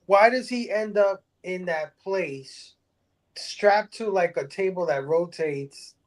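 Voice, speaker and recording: A man on a casual movie review panel, animated and incredulous, swearing freely. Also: high voice, slow pace. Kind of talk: casual live-stream chat.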